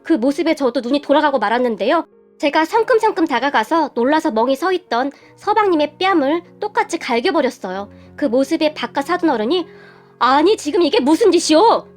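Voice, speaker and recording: A woman's voice: high voice, expressive, a little fast, soft background music. A woman narrating a dramatic first-person story in a heated, emphatic way.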